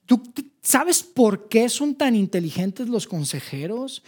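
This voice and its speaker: A man preaching a sermon in a Mexican Spanish accent, pressing rhetorical questions and dropping into hushed tones. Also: extremely high pitch, very animated, slow, husky.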